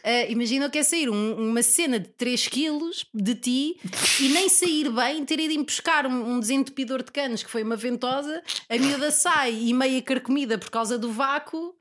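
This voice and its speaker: A woman's voice: sits high, normal speed, hardly any pauses, a bit bright. A young woman chatting candidly as an interview guest, blunt, slangy and self-deprecating. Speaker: podcast guest, stand-up comedian. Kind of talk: casual, candid interview chat.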